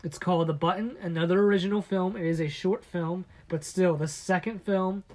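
A man co-hosting a casual chat podcast, telling stories in a halting way full of restarts and often dropping his voice low and conspiratorial. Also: steady tone, a little mellow. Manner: halting storyteller with many restarts. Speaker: podcast co-host.

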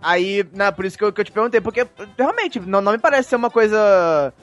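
High-voiced rambling male podcast co-host. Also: expressive, quick pace, soft background music. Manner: rambling, with frequent stammered restarts. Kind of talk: casual chat.

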